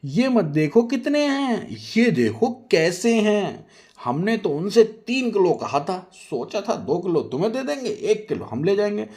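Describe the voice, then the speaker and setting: Man putting on a shrill, bossy, rude woman. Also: big pitch swings, fairly quick, gravelly, hardly any pauses, mellow, full character voice. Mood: taunting. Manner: shrill scolding, taunting. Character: loud, rude, boastful woman.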